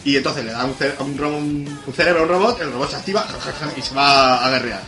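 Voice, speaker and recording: A man's voice: fairly high pitch, fast talker, over music. A man, chatting casually on a podcast and acting out film scenes with quoted voices. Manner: animated, acts out scenes with quoted voices and laughs.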